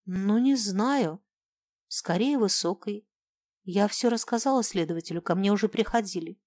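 A woman voicing a timid neighbor woman who speaks softly and hesitantly. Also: medium pitch, normal speed, no echo, natural voice. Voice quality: soft, hesitant and wary.

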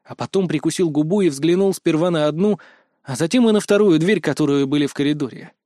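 A male narrator reads a first-person adventure in a tense, expressive way. His voice sits slightly high. The recording is close and dry. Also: fast talker, dry recording. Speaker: audiobook narrator.

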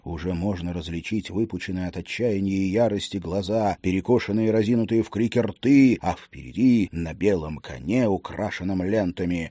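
Mellow-voiced man narrating dramatically. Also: on the low side, dry recording, clean studio sound. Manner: vivid, dramatic, calls out battle cries. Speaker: audiobook narrator. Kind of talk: dramatic first-person audiobook narration. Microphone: close studio mic.

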